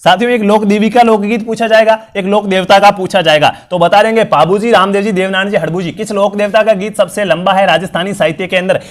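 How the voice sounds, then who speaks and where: His pitch sits high and his intonation stays fairly even as he moves at a quick clip with almost no breaks. The young man teaches a live online exam-prep quiz, repeatedly and brightly questioning students with lots of fillers, his voice worn and strained by illness and extended talking.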